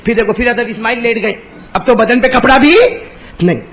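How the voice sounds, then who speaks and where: A man preaching a sermon, telling a story in an animated way and calling out questions for the audience to answer. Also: very high voice, a little hiss or hum, poor audio. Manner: chants Arabic verses in a drawn-out melodic recitation. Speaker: Islamic preacher.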